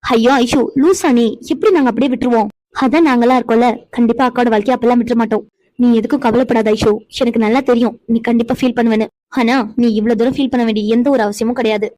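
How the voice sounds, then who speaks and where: A woman's voice: on the high side, steady tone, fast talker, mellow, no room sound, close to an everyday voice, low-quality recording. A woman voicing a young wife in a cartoon who comforts her sister-in-law and gets flustered by her husband's teasing. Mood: reassuring. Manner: flustered, stammering when teased. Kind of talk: Tamil cartoon voice acting.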